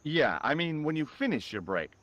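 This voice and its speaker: A man voicing a wry, curious young hero in a video game, questioning people with a lively delivery. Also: fairly high pitch, normal speed, lo-fi sound. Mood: probing.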